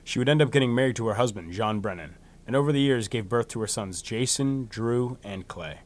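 A man hosting a true crime podcast, reading a scripted story in a solemn, measured way, with phrases that trail downward. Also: medium pitch, expressive. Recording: music behind the voice. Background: music bed.

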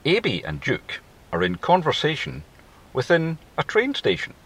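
A man's voice: on the high side, huge pitch swings, moderate pace, fairly bright tone, slightly rough, faint music behind. A man reading scripted scene-setting narration between scenes of an audio comedy.

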